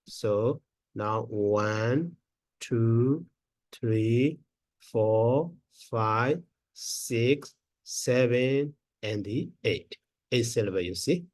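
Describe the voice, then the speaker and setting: A man teaching Pali grammar in a slow lesson, counting syllables aloud one at a time with many pauses and fillers. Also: medium pitch, lively intonation, a little mellow, dry recording.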